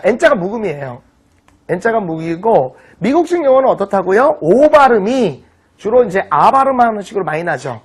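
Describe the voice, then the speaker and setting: A middle-aged man teaching an online vocabulary lecture in an animated, teasing way, often checking that students follow. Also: high voice, slightly rough. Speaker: English teacher.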